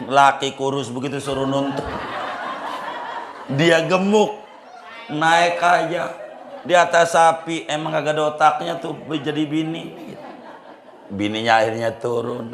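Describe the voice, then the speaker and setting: A man with a Betawi Jakarta accent preaching a storytelling sermon, joking and chuckling, swinging between loud and hushed. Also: fairly high pitch. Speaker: Islamic preacher. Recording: roomy echo.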